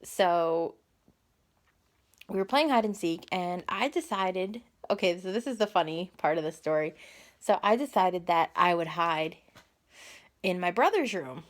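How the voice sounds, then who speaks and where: A woman's voice: lowish voice, lively intonation, unhurried. A woman telling a casual storytime vlog into a phone camera, rambling and correcting herself as she goes. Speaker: vlogger.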